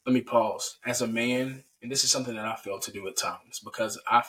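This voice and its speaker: A man hosting a podcast, talking casually about a Bible story, animated and restarting his words often. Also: medium pitch, brisk, far from the mic, rough recording. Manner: animated, with frequent restarts and repeats. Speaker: podcast host.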